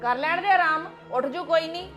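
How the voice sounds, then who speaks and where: Woman acting as older grandmother in a family drama, high voice, scolding, nagging, faint music behind. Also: brisk. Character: sharp-tongued scolding grandmother, nagging mother-in-law.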